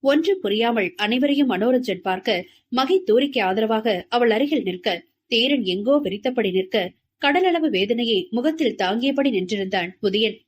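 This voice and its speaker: A woman narrating a romance audio novel in an even storytelling manner. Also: a little high, normal speed, slight background noise. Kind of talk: scripted narration.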